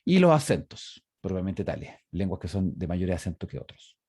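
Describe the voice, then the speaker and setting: A middle-aged man lectures over a video call. His voice sits low and mellow, and the sound is close and dry with no room around it. He explains step by step, with many fillers and restarts. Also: big pitch swings, moderate pace, breathy edge, no echo. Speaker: university lecturer. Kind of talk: online lecture. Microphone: video call microphone.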